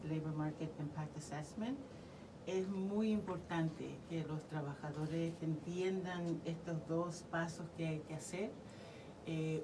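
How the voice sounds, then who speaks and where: A woman from Chile with a Chilean accent, a community legal worker explaining rules as a radio interview guest in a measured way. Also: low voice, recorded from a distance, background noise.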